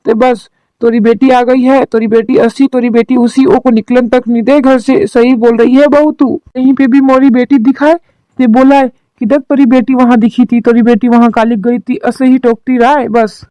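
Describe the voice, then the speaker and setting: A woman's voice: on the high side, level tone, moderate pace, mellow, no echo, lightly acted, poor audio. A woman voicing a worried rural mother-in-law in a cartoon drama, talking in a homely village dialect. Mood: earnest.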